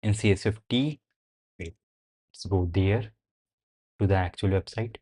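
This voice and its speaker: A young native Hindi speaker chats on his live stream in a somewhat low, husky voice at a measured pace. Answering viewers' questions and musing out loud, he stays relaxed and now and then curses.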